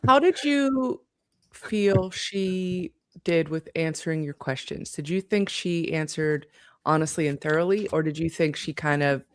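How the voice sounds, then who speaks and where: A woman co-hosting a casual panel chat over a video call, teasing and quick to laugh. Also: sits low, no room sound. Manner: lively, teasing, laughing easily.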